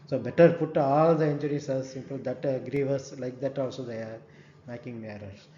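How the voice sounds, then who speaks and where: Guy lecturing in a dull echoey room, dark mellow voice, keeps asking "right?". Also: medium pitch, steady tone, moderate pace. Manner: explanatory, often checks with "right?"; many "uh" fillers. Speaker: forensic medicine lecturer. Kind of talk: recorded lecture. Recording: dull echoey room recording, faint hum.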